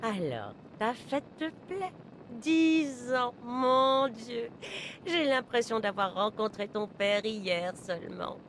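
A doting old lady in a video game who keeps rambling on. Her voice swings widely in pitch, with a faint hum of noise behind her. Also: lively intonation, slow, rough recording. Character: rambling, kindly old woman. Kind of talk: French video game dub.

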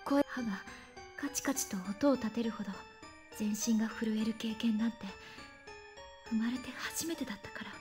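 A woman acts out a teenage schoolgirl with a high, youthful voice in a Japanese horror game. She is anxious and earnest, tense as she steels herself, with music playing behind her. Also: fairly even intonation, moderate pace, natural voice. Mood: shaken, introspective. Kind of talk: Japanese horror game voice acting, dialogue and inner monologue.

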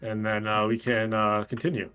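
A man improvising as a doctor in a game role-play, talking in a halting, conversational way. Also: fairly low pitch, flat delivery, bright, forceful tone, clear, resonant tone, soft background music. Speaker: player acting as a clone-making doctor.

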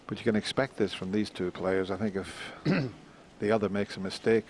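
A man giving hushed, measured snooker commentary in a low-key manner. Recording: crowd and hall noise behind voice. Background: snooker arena crowd ambience.

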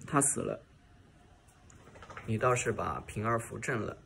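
A scheming servant's wife from a classic novel speaks with spite in a hushed, conspiratorial way, as a male reader puts her on. The voice is low and creaky, much like his own narration. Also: big pitch swings, a little slow, a little hiss or hum, heavily acted. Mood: spiteful.

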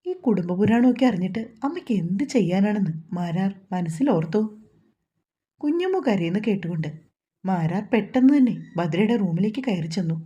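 A woman with a Malayalam accent reading a romantic novel aloud as narrator, voicing every character in a fairly even tone. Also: medium pitch, slightly rough, highs cut off. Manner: reads all characters' dialogue in a mostly even voice. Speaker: story narrator.

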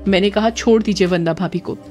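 A woman's voice: medium pitch, fast talker, dark tone, close to an everyday voice. A woman doing a defiant young daughter. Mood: firm, pleading. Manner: firm, insistent. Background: faint background music.

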